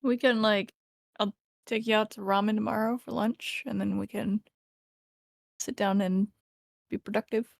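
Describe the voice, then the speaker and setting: Gravelly-voiced woman, offhand chat. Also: mid-range voice, steady tone, normal speed, long pauses, dry recording, clean studio sound. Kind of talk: casual chat.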